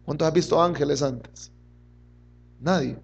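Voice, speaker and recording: Middle-aged male pastor, high voice, fervent sermon delivery with sharp loud-soft swings. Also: measured pace, gravelly, breathy edge, lo-fi sound. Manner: fervent, swings between loud and soft, often says "hermano".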